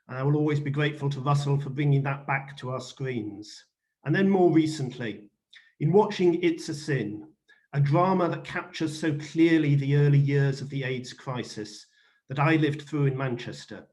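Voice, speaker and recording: A middle-aged or older man hosting an event with a formal, courteous and deliberate introduction. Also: on the high side, darkish tone. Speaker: host, moderator.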